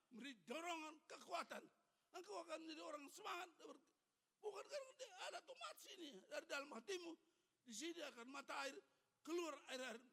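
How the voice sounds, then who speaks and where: An eighties-aged pastor preaches in a church hall, urging his congregation with fervent, repetitive exhortations. His voice is very high, creaky, and sharp, with the hall's long reverb trailing behind.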